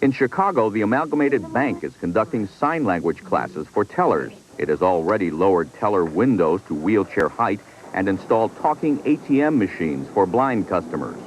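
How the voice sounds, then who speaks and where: A male reporter narrates a scripted news package in a fairly low, lively voice. Clear background noise runs under the report. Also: normal speed, poor audio.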